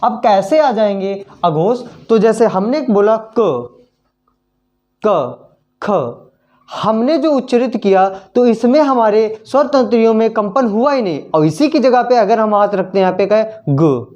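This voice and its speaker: A male teacher giving a slow classroom lesson, often repeating words while he writes on the board. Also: high voice, a little mellow, highs cut off. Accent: Hindi.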